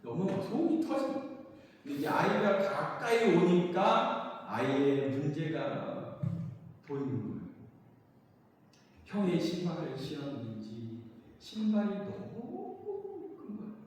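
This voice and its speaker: A man, the pastor, preaching a sermon and telling a story with sudden swings between loud and soft. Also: fairly high pitch, very animated, slow, a little hiss or hum. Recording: echoey church hall from a distance.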